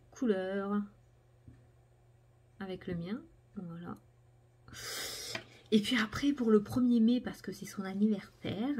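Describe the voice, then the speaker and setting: A woman's voice: medium pitch, breathy edge. Chatty woman showing bracelets. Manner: chatty, many fillers, shows items to camera. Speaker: cartomancy video host. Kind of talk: casual product review chat.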